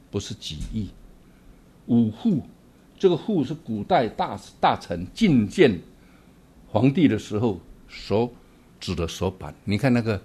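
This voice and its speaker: A man giving a Buddhist dharma talk, animated and asking his listeners rhetorical questions. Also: lowish voice, husky. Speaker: Buddhist teacher.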